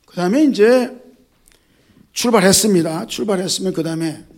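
A male pastor giving an animated sermon, addressing the congregation directly, repeating key words and mixing in jokes. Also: high-pitched, moderate pace.

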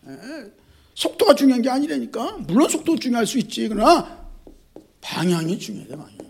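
A male pastor giving an animated sermon, addressing the congregation directly, repeating key words and mixing in jokes. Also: very high voice, brisk, gravelly, slightly rough.

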